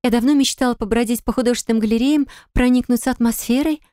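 A woman voicing a capricious, greedy young wife in an audiobook, high and squealing. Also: fairly even intonation, quick pace, mellow, no room sound, clean studio sound, lightly acted. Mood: gushing. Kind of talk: audiobook character voice.

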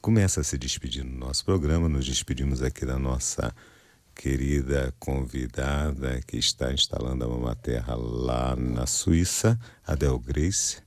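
A man hosting a radio show in a studio, speaking with a Niterói accent in a brisk, upbeat announcer manner. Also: very deep voice, dry recording. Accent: Niterói Brazilian Portuguese. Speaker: radio host.

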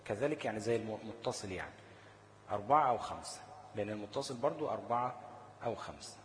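A man's voice: on the low side, expressive, fairly bright tone, a little hiss or hum. Egyptian man teaching tajweed in a roomy hall. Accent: Egyptian Arabic. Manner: asks rhetorical questions and answers them himself, checks in with "okay?"; slows to chant short recited examples. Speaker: Quran recitation teacher. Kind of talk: classroom tajweed lesson.

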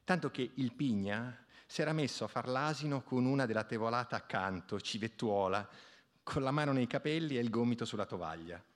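A man reading a literary short story aloud on the radio, with expressive storytelling. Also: medium pitch, fairly quick. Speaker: radio reader.

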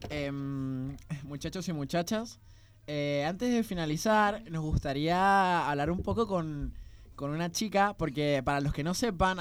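A man's voice: high voice, clear, resonant tone. A teenage boy with an Argentine accent hosting a student radio show, interviewing a guest in a school studio with many fillers and restarts. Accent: Argentine Spanish. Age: teens. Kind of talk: casual interview.

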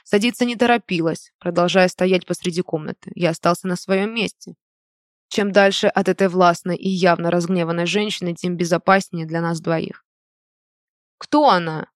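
An audiobook reader narrating a first-person novel in a measured, even way, recorded close to the mic. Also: medium pitch, no room sound.

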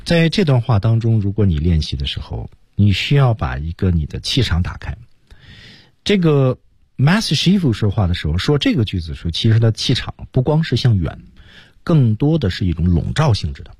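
A man teaching English on a radio program, explaining pronunciation step by step and drilling words slowly. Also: on the low side, very animated, a little mellow, breathy edge, no room sound, clean studio sound. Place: radio studio.

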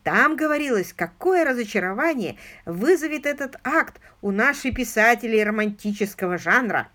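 A woman voicing a lively, aristocratic English gentleman detective in an audiobook, questioning eagerly and insistently. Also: a little high, normal speed. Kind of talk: audiobook character reading.

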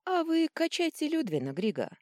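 A woman's voice: high voice, wildly swooping pitch, normal speed, a little mellow, no room sound, studio quality, pitched above the performer's own voice. A woman voicing a young princess who is firm and teasing, in an audiobook reading. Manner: commanding, wry.

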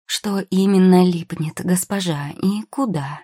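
Woman voicing a calm young potion-maker. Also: lowish voice, unhurried, husky, no room sound, clean studio sound. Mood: patient. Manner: patient, soothing and practical.

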